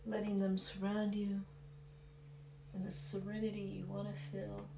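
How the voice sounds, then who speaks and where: A woman leading a guided meditation in a soothing, unhurried way, leaving long pauses between phrases. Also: mid-range voice, monotone, gravelly. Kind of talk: slow guided meditation narration. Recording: echoey, loud ringing hum behind voice. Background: singing bowls and chimes.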